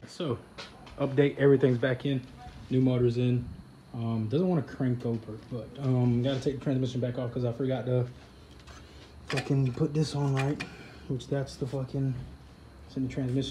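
A man's voice: medium pitch, little pitch movement, a little fast, mellow, a little hiss or hum. Profane laid-back man filming his car. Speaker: vlogger, car channel host. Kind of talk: casual vlog narration.

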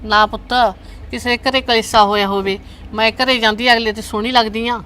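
A woman's voice: fairly high pitch, steady tone, fairly quick, sharp tone, clean tone. A woman acting a nosy neighbour aunt who eavesdrops on the family's quarrels and defends herself with gossip. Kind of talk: family comedy skit acting.

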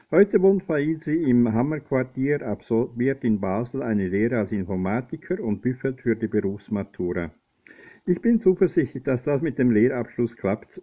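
A man reading a news feature aloud, steady but with frequent slips and restarts. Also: mid-range voice. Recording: tinny phone-like lo-fi recording.

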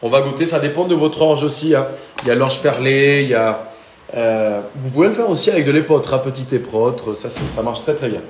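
A man's voice: medium pitch, lively intonation, a little fast, reverberant, slight background noise. A young man with a Colombian accent, a chef chatting and joking with viewers during a live cooking demonstration.

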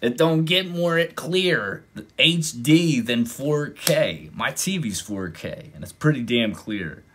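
A man hosting a reaction video, casually commenting and getting excited, sometimes exclaiming loudly. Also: medium pitch, slow pace, slight background noise. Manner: excitable, exclaims and breaks into mock voices.

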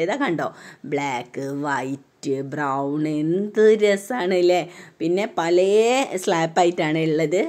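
Strolling through a large indoor mall with her daughter, a mother from Kerala vlogs casually on the phone she holds while walking. Her voice is low and her Malayalam-accented narration chatty, often ending sentences with a gentle "tto," while the busy store's open sound comes through.

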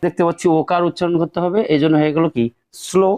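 A man's voice: fairly high pitch, level tone, rapid-fire, darkish tone. A man teaching English phonics, patiently spelling out each sound step by step and asking and answering his own questions. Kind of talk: classroom-style explanation.

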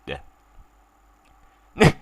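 A young man with a sore throat giving casual, excitable let's-play commentary, swearing freely and laughing often. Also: extremely slow. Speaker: game commentator.

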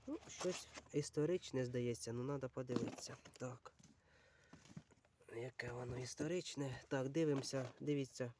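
A book channel vlogger with a medium-pitched voice talks at a moderate pace as he casually browses a pile of books. He thinks aloud unhurriedly, using many fillers and addressing viewers as friends. Background noise is present.

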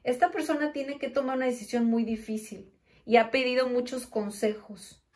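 Brief: woman tarot reader, fairly high voice, slow, intimate, emphatic. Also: fairly even intonation, darkish tone. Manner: addresses listener as "corazón", slow and emphatic. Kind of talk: intimate direct-to-camera tarot reading.

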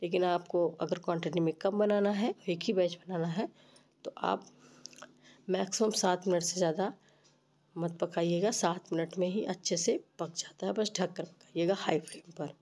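Stuffy-nosed, low-pitched woman teaching a recipe. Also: fairly even intonation, moderate pace, a little mellow. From Uttar Pradesh, India. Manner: informal, step-by-step instructing. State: stuffy nose and rough voice from a cold. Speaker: cooking channel host. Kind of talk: recipe tutorial narration.

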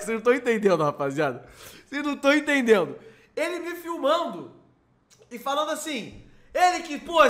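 A young man, a host telling a story in excited, slangy, swearing bursts that repeat themselves. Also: very high-pitched. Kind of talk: casual storytelling.

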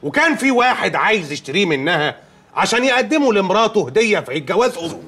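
A deferential Egyptian man spinning a silly tale in a TV sitcom. His voice is a little high and swoops widely. The delivery is melodramatic and sing-song. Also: big pitch swings, fast talker, a bit bright, breathy edge, exaggerated voice. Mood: storytelling. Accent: Egyptian Arabic.

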